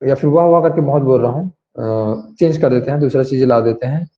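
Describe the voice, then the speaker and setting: A man teaching grammar in an online class, explaining slowly and asking students to raise their hands. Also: mid-range voice. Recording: dull lo-fi sound.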